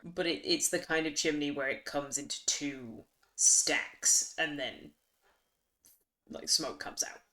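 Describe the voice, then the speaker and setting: A woman's voice: low voice, takes it slowly, sharp tone. A woman running a tabletop game as game master, describing scenes in a hesitant, descriptive way.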